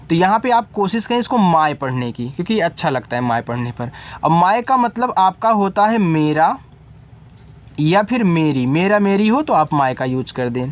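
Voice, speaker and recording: A man's voice: a little high, big pitch swings, normal speed. A man teaching beginners to read English, spelling each word letter by letter and then explaining it, often checking whether the learner follows.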